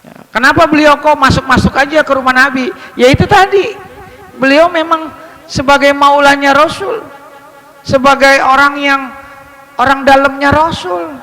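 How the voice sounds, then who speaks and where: High-pitched, lively preacher. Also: male voice, moderate pace, pauses often, big-room sound, low-quality recording. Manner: lively, joking with the congregation, asks them questions. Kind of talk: humorous Islamic sermon.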